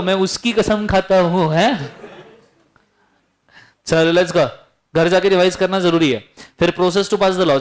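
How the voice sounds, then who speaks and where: High-voiced man teaching a lively class. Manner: lively, teasing, quizzes students. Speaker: law teacher. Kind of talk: classroom lecture.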